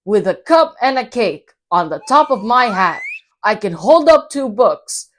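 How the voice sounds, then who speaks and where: Woman voicing the showy, slow-talking Cat in the Hat. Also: medium pitch, sing-song, a bit bright, slight background noise. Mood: boastful, playful. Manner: showy, cheerful, declaiming in rhyme. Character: mischievous, boastful, playful male cat in a hat.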